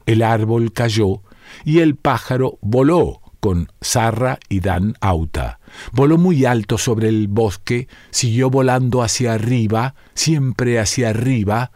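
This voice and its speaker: A man reading a folk tale aloud in a measured, deliberate way. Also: medium pitch, darkish tone, no echo, studio quality. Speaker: storyteller. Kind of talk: scripted folk-tale narration.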